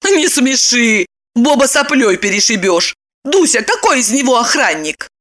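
A woman's voice: a little high, very animated, normal speed, fairly bright tone, pitched above the performer's own voice. A woman voicing a dreamy young friend who sounds mocking and dismissive. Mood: skeptical.

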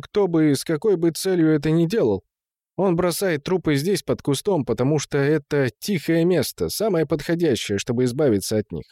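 A man reading an audiobook, voicing a measured, matter-of-fact male police inspector. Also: on the high side, mellow, dry recording, clean studio sound, pitched above the performer's own voice, natural voice.

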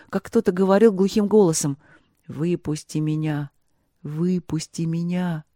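A narrator reading a fairy tale aloud in an even, measured storytelling manner. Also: mid-range voice, dry recording, studio quality. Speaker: audiobook narrator.

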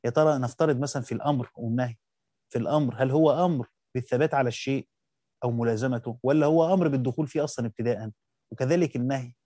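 An Egyptian man gives a quick-paced lesson, reading passages aloud and then explaining them in everyday speech. His voice is mellow and dark, recorded close and dry with no room sound. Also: medium pitch, no echo. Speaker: teacher. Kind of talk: reading and explaining a classical text.

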